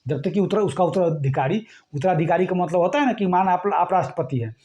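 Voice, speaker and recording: High, mellow-voiced man teaching. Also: animated, quick pace. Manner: repetitive, keeps checking "ठीक है?" with listeners. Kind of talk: exam-prep lesson.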